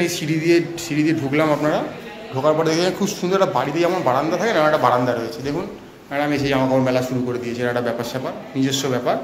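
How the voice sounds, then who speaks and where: A man vlogging a walking tour of a guest house, chatting straight to viewers and listing each feature of the rooms. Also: fairly high pitch. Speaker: travel vlogger. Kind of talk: walking hotel tour, casual chat to viewers.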